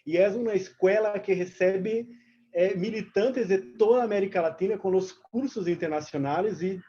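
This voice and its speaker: A native Portuguese speaker from Brazil gives an informal seminar talk as an activist and movement representative, blending Portuguese with Spanish and searching for words. Her voice is mid-range and mellow. The online call audio is dull and lo-fi.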